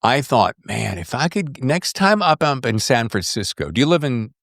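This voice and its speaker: This podcast host's medium-pitched voice is gravelly and a bit bright, with big pitch swings at normal speed, recorded in clean studio sound without echo. He chats casually and effusively with his guest and listeners, emphatic and heavy on slang.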